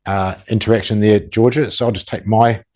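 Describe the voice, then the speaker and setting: A man's voice: fairly low pitch, steady tone, a little fast, a little mellow. Blunt man with a broad Kiwi accent. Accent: broad Kiwi (New Zealand). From New Zealand. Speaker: self-defence and tactical expert guest, former police officer. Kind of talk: conversational explaining in an interview.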